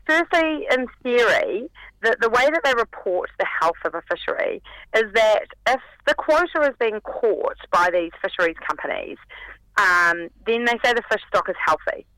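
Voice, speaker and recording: A New Zealand woman, croaky with a cold, phoning in to a radio show to explain things in a casual, chatty way. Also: fairly low pitch, bright, forceful tone, no room sound. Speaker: radio segment contributor. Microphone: telephone. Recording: tinny phone line.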